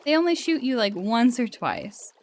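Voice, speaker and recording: A young American woman in her twenties chatting casually while gaming, giggly and quick to laugh. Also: a little high, big pitch swings, darkish tone. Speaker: gaming channel co-host. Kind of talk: casual gameplay chat.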